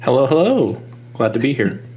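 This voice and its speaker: A man's voice: mid-range voice, sing-song, moderate pace, darkish tone, slight background noise. A man as a talk show guest, speaking in a dry, wry way with some hesitation. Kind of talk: casual chat.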